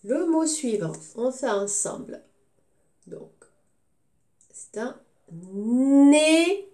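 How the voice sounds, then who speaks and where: A woman teaching a recorded phonics lesson to young children, sounding out syllables slowly and clearly. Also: a little high, expressive, warm tone, echoey room. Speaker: kindergarten teacher.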